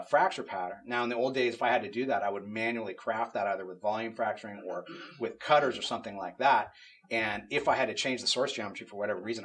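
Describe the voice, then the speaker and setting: A middle-aged man casually walking through a software tool demo in an office, explaining as he goes with frequent fillers. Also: lowish voice. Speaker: game studio technical artist demonstrating tools. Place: office at a desk with monitors.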